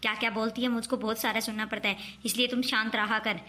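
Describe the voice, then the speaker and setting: A fussy older mother-in-law, acted by a woman in a home-made comic family skit, who nags and coaxes at a brisk pace. Her voice sits a little high. She keeps pushing her daughter's side in every exchange. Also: level tone, pushed and bright, slight background noise. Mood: scolding. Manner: nagging, quick-talking, coaxing.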